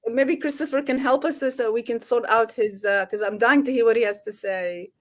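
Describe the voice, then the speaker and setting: Lively woman moderating an online panel. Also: fairly high pitch, normal speed. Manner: lively, laughs often, stumbles and restarts. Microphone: video call.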